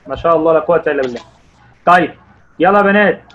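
A man with an Egyptian Arabic accent teaching young pupils online, encouraging them and quizzing them by name, stretching out words slowly as he reads. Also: on the high side, muffled recording. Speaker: primary school Arabic teacher.

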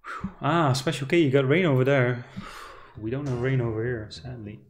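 A man's voice: mid-range voice, steady tone, moderate pace. Man, casino streamer, casual live chat, greets viewers, cheers on the reels, faint background music. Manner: chatty, reads out viewer names, cheers at the slot.

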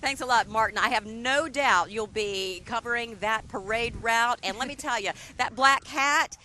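American woman doing parade commentary, chatty host, fairly high bright voice, headset out on the street. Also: moderate pace. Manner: upbeat, chatty broadcast delivery. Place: outdoors on a downtown street. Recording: outdoor street ambience, clear background noise.

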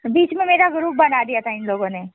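A woman's voice: sits high, animated, fast. Distressed woman caller on a tinny line. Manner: distressed, pleading, talks over others. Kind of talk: phone call. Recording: tinny dry phone line.

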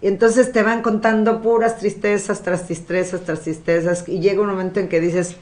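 A woman hosting a podcast in a casual, chatty storytelling manner, often pausing with fillers. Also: medium pitch, steady tone, a little mellow. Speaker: podcast host. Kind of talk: casual chat.

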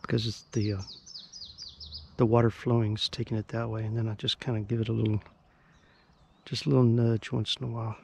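A man with a gravelly Midwestern voice talks in an easygoing, chatty way, walking through each cast as he fishes. He sounds like he is outdoors by a river, recorded on a small camera mic. Faint birds and outdoor hiss sit behind him. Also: on the low side, level tone, fairly quick, long pauses, a little mellow. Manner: chatty, easygoing, explains as he goes. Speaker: fishing vlogger. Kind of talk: casual narration while fishing. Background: faint birds and outdoor ambience.

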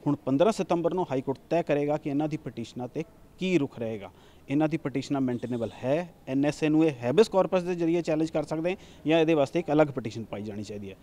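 A male news reporter, delivering a rapid on-the-spot report with occasional fillers and restarts. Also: a little high, mellow.

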